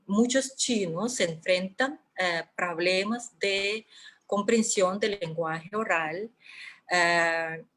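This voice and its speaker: Slow, hesitant woman lecturing. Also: mid-range voice, a bit bright. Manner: hesitant, many drawn-out fillers. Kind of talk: conference lecture.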